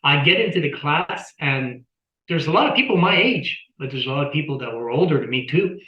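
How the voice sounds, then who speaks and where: A man's voice: fairly high pitch, lively intonation, a little fast, echoey room, highs cut off. A man chatting as an interview guest on a video call, rambling, repeating words and telling anecdotes. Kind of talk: casual explanatory talk.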